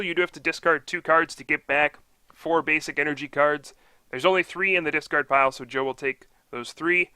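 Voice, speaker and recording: Very bright, smooth male analyst commentator. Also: a little high, dry recording. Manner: analytical, upbeat, explains plays. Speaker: card game commentator. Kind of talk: live game commentary.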